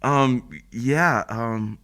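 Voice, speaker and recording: A man on a podcast as a guest, chatting casually and telling animated stories, acting out what people said and laughing often. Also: mid-range voice, extremely slow. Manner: animated storyteller, acts out quotes, laughs often. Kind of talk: casual chat. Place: apartment room.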